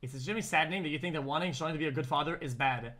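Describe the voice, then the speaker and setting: A man live-streaming his reactions to a documentary, blunt and excitable, swearing freely. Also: fairly high pitch, racing.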